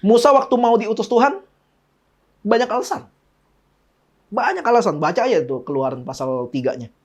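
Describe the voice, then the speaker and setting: A man's voice: sits high, animated, moderate pace, lo-fi sound. A man preaching a casual, joking sermon, acting out little dialogues. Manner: playful, jokey, acts out little dialogues. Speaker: pastor.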